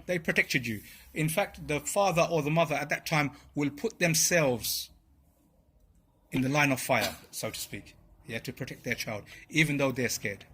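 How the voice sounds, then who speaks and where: A man's voice: on the high side, normal speed, pushed and bright, slightly rough. Man giving a chatty religious talk. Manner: conversational, checks in with "yeah?" and "right?". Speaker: speaker at a religious study circle. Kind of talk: informal religious talk to a group.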